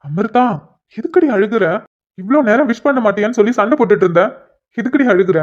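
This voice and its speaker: A woman's voice: medium pitch, lively intonation, quick pace, natural voice. Woman voicing a shy, tender young husband. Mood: pleading. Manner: soft, apologetic then playfully teasing. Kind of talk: cartoon dialogue voice acting. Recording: dull lo-fi recording.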